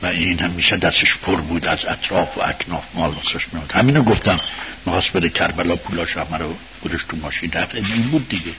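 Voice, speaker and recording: A man giving an informal religious talk, telling a story to his listeners in a conversational way, rising to loud bursts and sinking to quiet murmurs. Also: low voice. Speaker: religious speaker addressing an audience. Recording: dull lo-fi recording with faint hiss.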